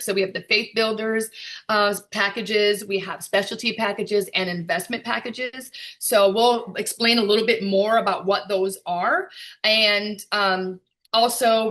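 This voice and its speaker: Bright, excited woman hosting a video call. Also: mid-range voice, moderate pace. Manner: chatty and excited, with laughs and fillers. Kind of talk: casual presentation on a video call.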